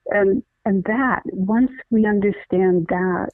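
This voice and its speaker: In a dry recording, a woman of medium pitch talks over a tinny phone line, explaining deliberately and earnestly. She restarts many times during what is a conversational interview.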